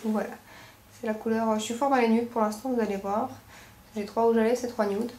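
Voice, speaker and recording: A woman's voice: a little high, fairly even intonation, fairly quick, dark tone. A woman with a Belgian French accent chatting casually as a beauty vlogger showing a shopping haul, rambling informally and correcting herself as she goes. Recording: echoey room with faint background noise.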